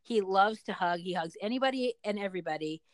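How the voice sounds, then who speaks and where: A woman's voice: medium pitch, lively intonation, quick pace, dry recording. Middle-aged woman as a parent being interviewed; talkative, explanatory, conversational storytelling, recorded very dry. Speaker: parent interviewed about their child.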